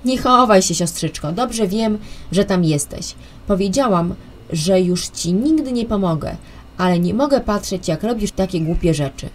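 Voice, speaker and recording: A woman's voice: mid-range voice, expressive, normal speed, a little mellow, a little hiss or hum, lightly acted. A woman voicing a bossy, wealthy middle-aged aunt who talks in a commanding, impatient way.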